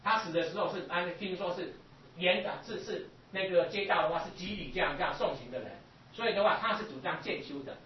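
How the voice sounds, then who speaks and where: A man lecturing on Buddhist scripture, talking haltingly with many repeats and filler particles. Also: sits high, a little hiss or hum. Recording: dull lo-fi recording.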